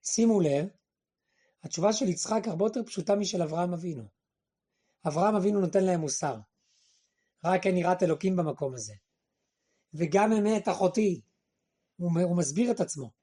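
Husky, high-voiced man teaching Torah. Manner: asks questions and answers them himself; quotes verses and speaks figures' lines in a lower, quieter voice. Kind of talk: Torah class.

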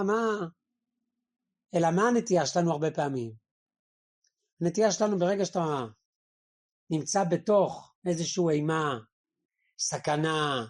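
A man leads a religious study lesson in a lively, conversational way. He keeps asking his listeners questions and answering them himself, and he slips into the voices of the people he quotes. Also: on the high side. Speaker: religious teacher. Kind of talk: Torah lesson to a group.

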